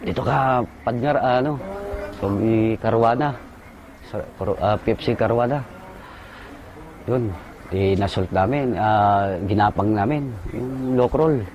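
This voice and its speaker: A man, a soldier, recalling a firefight in short halting bursts and military jargon. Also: lowish voice, darkish tone, lo-fi sound, a little hiss or hum. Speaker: soldier recounting combat. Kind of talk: casual spoken recollection.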